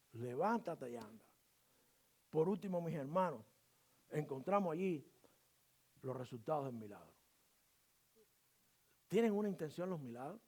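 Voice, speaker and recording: A high-voiced male pastor delivers a sermon full of rhetorical questions, moving between loud emphasis and quiet asides. Now and then he acts out brief voices of church members.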